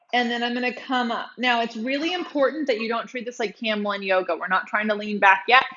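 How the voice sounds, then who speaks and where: A woman's voice: on the high side, a bit bright, highs cut off. A woman teaching a Pilates tutorial, demonstrating as she moves, chatty and bubbly and a little out of breath.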